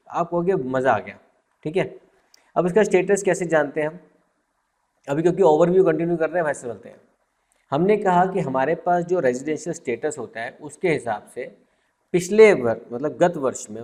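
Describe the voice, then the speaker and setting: A man gives a tutor's lecture, his voice sitting a little high for a man. He slips English phrases into his explanations and acts out his students' questions as he goes. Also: darkish tone. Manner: mixes Hindi with English phrases. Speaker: teacher.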